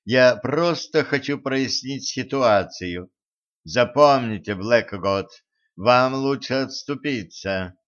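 A man voicing a cold, sardonic male adversary who threatens with exaggerated politeness, read slowly in a slightly dull recording. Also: medium pitch, fairly bright tone. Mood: coldly polite.

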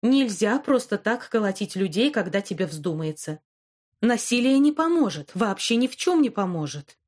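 A woman's voice: medium pitch, very animated, normal speed. Woman voicing a firm, caring old grandmother. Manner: warm but stern, reassuring. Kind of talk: audiobook character voice.

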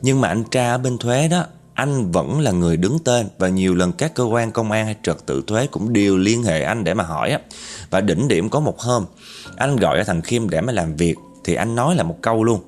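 Brief: lower-voiced Southern Vietnamese man, conversational storyteller, talks straight to the audience. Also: lively intonation, moderate pace, darkish tone, soft background music. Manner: conversational, addresses listeners directly. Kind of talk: spoken true-story narration.

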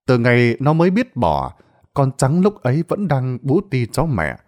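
Male storyteller, scripted narration, very lively pitch, dramatic. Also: moderate pace.

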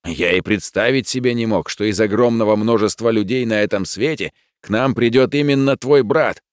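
A man voicing a calm, unbothered middle-aged chef who reasons things out patiently. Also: on the low side, normal speed, no room sound, clean studio sound, voice pushed up, natural voice. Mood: reasoning. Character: easygoing middle-aged male restaurant chef. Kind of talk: audiobook character voice.

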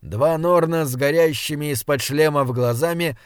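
A man's voice: fairly high pitch, normal speed, clean tone, dry recording. Man narrating fantasy audiobook, dry close sound. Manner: steady, dramatic reading. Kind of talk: scripted narration.

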